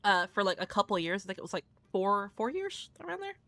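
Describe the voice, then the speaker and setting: Very animated and fast, this mid-range female voice sounds a bit bright with no echo. She's a young adult streamer running viewer games live, casual and profane, with "like" filling her speech constantly.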